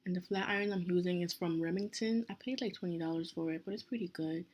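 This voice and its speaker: A young Nigerian woman with a Nigerian accent walks through a hair tutorial step by step, relaxed and chatty, correcting herself in small ways. She has a lowish voice and talks fast, and the sound is lo-fi.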